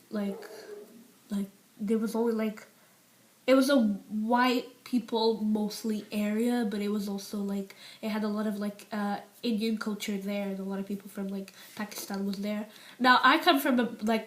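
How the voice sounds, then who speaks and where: A UK girl aged seventeen, medium-pitched and recorded with poor audio, makes an unscripted personal confession to camera. Rambling, full of fillers and restarts, she drops nearly to a whisper when touching on painful matters.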